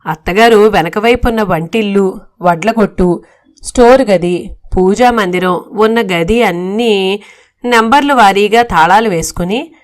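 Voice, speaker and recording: A woman tells a comic domestic tale as a storyteller. Her narration is lively and wry, in a voice of ordinary pitch. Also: measured pace. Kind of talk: storytelling reading of a humorous novel.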